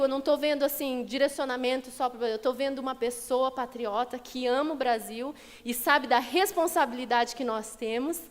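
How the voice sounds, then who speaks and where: A high-voiced woman pastor delivers a sermon in a church sanctuary, her words ringing with long hall reverb. She preaches in a lively, conversational way, acting out quotes.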